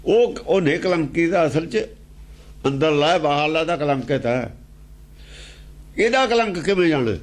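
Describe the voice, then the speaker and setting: Punjabi man expounding scripture, lively pitch. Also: a little slow, long pauses. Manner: repeats key phrases, rhetorical questions. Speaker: religious teacher. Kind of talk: scripture exposition talk.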